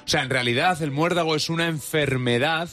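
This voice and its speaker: A young man co-hosts a casual podcast, trading quick jokes. His voice is bright and forceful. Faint music plays behind him. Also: fairly high pitch. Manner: jokey, quick banter with laughs. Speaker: podcast co-host. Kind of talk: casual comedic chat.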